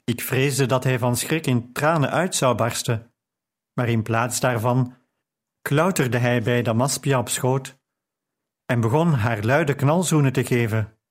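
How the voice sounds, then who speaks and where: A man narrating an audiobook in a calm, unhurried reading style. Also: mid-range voice. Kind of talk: scripted narration.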